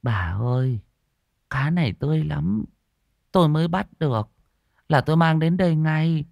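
A man's voice: a little high, normal speed, gravelly, a little mellow, no room sound, pitched above the performer's own voice. A man doing a timid, pleading old woman. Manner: humble, pleading.

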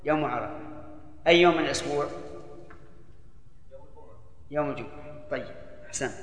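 In this old, echoey lecture recording, an older male Islamic scholar teaches tafsir, firing questions at his students and reproaching them for forgetting. He speaks briskly in a fairly high voice.

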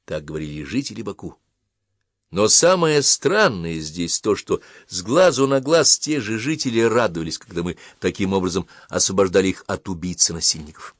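A man reading a historical novel aloud as an audiobook narrator, with measured, dramatic storytelling. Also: low-pitched, animated, dry recording, studio quality.

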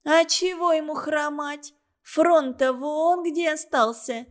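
A woman's voice: high voice, animated, slow, voice pushed up. Woman doing cheeky sarcastic girl Galka. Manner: sarcastic, loud and teasing. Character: sharp-tongued cheeky orphan girl. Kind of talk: audiobook character voice.

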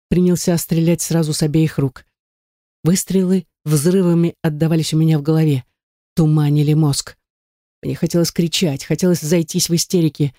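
A woman narrates a first-person novel in a dark, mellow voice. Her reading is steady and expressive, with tense pauses. The sound is close and dry, with no room around it. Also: sits low, dry recording. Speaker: audiobook narrator.

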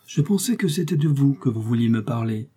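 A man's voice: medium pitch, expressive, brisk, mellow, breathy edge. A man voicing a proud, grieving aristocratic mother who speaks coolly and haughtily. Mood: haughty. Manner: cool, haughty.

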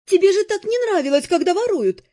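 Give me a woman playing a calm, teasing mercenary woman, high and bright-edged, in an audiobook. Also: moderate pace. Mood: wry. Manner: unflappable, teasing. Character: brisk sly female mercenary.

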